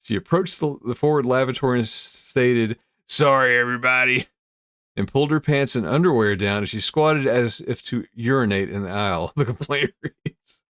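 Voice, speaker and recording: A man's voice: medium pitch, moderate pace, hardly any pauses, no room sound, studio quality. A man hosting casually, reading news aloud with amused commentary. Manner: amused, easily breaks into chuckles. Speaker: host.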